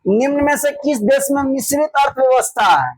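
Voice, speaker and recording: A man teaching with a Bihari Hindi accent, loudly quizzing his class and repeating each answer in call-and-response. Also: extremely high pitch, expressive, brisk, dry recording, low-quality recording. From Bihar, India. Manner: loud, repetitive quizzing that drills students with call-and-response. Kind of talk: classroom exam drill lesson.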